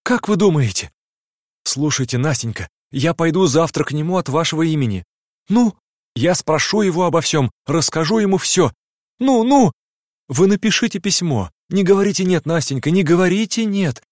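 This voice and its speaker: A man's voice: fairly high pitch, animated, moderate pace, darkish tone, no echo, studio quality. A man reading a classic novel aloud in the first person, with emotional, fervent delivery. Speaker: audiobook narrator. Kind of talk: dramatic literary reading.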